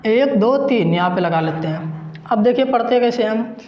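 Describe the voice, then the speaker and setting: A man giving an online math lesson, explaining slowly and step by step, repeating each digit. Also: high voice, lively intonation. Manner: slow, repetitive, step-by-step explaining. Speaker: math teacher. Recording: roomy, dull lo-fi recording.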